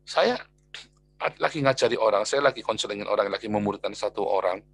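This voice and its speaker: Animated bright-voiced preacher man. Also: lowish voice, a little fast, creaky, no echo. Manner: animated, swings between soft asides and loud exclamations; colloquial, repeats phrases for emphasis. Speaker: pastor. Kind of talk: sermon.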